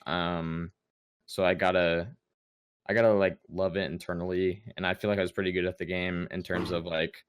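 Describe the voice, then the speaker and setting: A man's voice: low-pitched, little pitch movement, moderate pace, slight background noise. A young man in casual chat on a gaming podcast, rambling with lots of fillers and restarts. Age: young adult. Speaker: podcast co-host.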